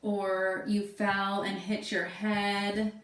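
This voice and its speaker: A woman's voice: medium pitch, flat delivery, very slow, distant mic. A woman teacher in her thirties giving a casual remote lesson from home, talking loosely with fillers. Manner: casual, chatty, thinks aloud with fillers. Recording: echoey room, voice away from mic.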